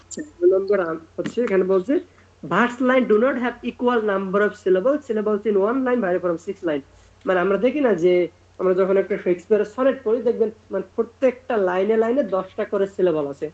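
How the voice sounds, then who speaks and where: A man's voice: sits high, darkish tone. Man tutoring over muffled call audio. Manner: explains slowly with many fillers, reads out English points then explains them. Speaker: literature tutor. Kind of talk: online class lecture.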